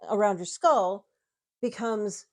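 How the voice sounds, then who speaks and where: A woman with a mid-range voice speaks slowly as a guest in a casual show-and-tell. She is from the United States, collects tiki mugs, explains her collection in detail, and laughs a lot.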